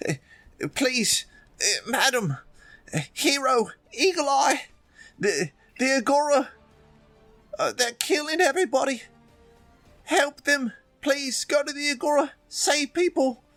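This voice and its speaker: Wounded dying civilian, played by a male game master, shrill high voice, halting gasps, tearful, desperate pleading, tabletop game. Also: lively intonation, a bit bright, no echo, faint music behind, full character voice. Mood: urgent pleading.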